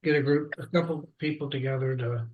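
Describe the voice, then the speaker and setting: A man in a study group speaking in a hesitant, halting way. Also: mid-range voice, steady tone. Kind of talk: group discussion. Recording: dull lo-fi recording.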